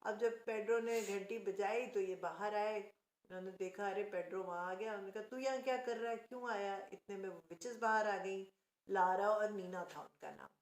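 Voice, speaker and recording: A woman's voice: medium pitch, fairly even intonation, moderate pace. A woman telling a fairy tale casually, chatty and correcting herself as she goes. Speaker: storyteller. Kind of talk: casual oral storytelling. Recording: echoey room.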